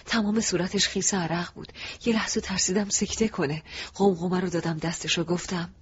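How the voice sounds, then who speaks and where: A man narrating a first-person audiobook in a soft, reflective, emotive way. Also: sits high, steady tone, slightly rough. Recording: dull lo-fi recording.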